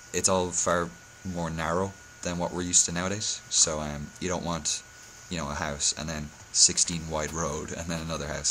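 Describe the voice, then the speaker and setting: A man's voice: extremely low pitch, bright, forceful tone, a little hiss or hum, low-quality recording. A hungover man giving a casual game-building tutorial, speaking hesitantly and often correcting himself. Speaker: video tutorial host.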